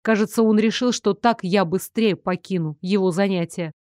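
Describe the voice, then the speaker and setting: A woman reads a first-person fantasy story with steady, expressive storytelling. The recording is dry and close, with no room sound. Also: medium pitch, moderate pace, dry recording. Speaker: audiobook narrator.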